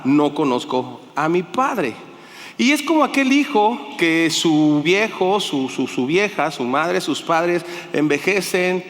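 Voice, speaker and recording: A slightly hoarse man preaching a sermon, emphatic and calling on the congregation to answer back. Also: fairly high pitch, fairly bright tone. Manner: emphatic, calls for congregation responses. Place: church hall. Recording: long reverb of a church hall.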